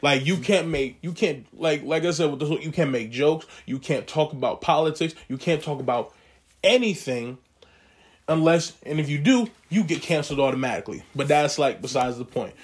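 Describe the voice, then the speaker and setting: Slightly high-voiced young man agreeing. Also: expressive, a little fast. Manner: agreeable, backchanneling, slangy. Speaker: podcast co-host. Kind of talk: casual chat.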